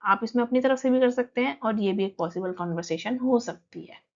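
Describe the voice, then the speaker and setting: A woman teacher, explaining a textbook lesson and reading English lines slowly before she explains them. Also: fairly high pitch, darkish tone, lo-fi sound.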